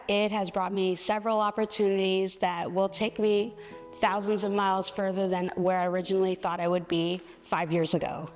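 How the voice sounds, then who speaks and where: A woman speaking fluently and composedly as a trades apprentice giving a testimonial. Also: medium pitch. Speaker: millwright apprentice. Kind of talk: personal testimonial. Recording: long reverb.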